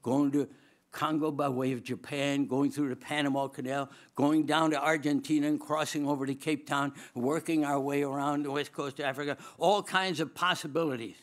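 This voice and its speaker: His pitch fairly high and his pace moderate, an older man with a Swedish accent tells his story from a lectern microphone in a large auditorium. The former dean's chapel sermon is built around storytelling. He's humorous and lively, laughing frequently and making broad gestures.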